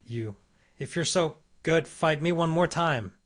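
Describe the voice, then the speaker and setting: A man's voice: medium pitch, normal speed, a bit bright, breathy edge. A man reading the lines of a proud, hot-headed young fighter in a comic recap, with a defiant delivery.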